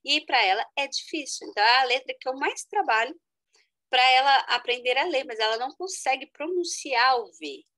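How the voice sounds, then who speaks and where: A woman's voice: a little fast, rough recording. A middle-aged woman, an educational psychologist, giving an explanatory online talk and addressing her audience directly. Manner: explanatory, addresses the audience as "gente", lively with sudden high exclamations. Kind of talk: online lecture.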